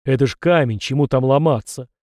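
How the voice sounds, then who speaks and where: A man voicing a gruff, scolding ancestor spirit in an audiobook. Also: mid-range voice, a little fast, a little mellow, dry recording, clean studio sound, lightly acted. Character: grumpy ancient male ancestor spirit.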